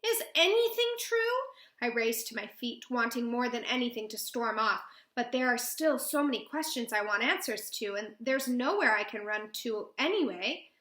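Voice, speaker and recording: Bright-voiced woman reading a novel aloud. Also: on the high side, normal speed, few pauses. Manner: expressive, voicing a girl's emotions. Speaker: read-aloud host. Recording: roomy echo.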